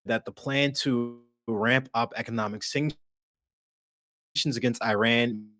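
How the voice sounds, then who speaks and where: A man talks over a video call in a dry, close sound, but the connection keeps failing, so his voice cuts in and out mid-phrase. His pitch sits in a normal middle range, and his words arrive in halting fragments. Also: fairly even intonation, pushed and bright, dry recording. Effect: audio cutting in and out over a bad connection. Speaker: podcast co-host. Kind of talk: casual political chat.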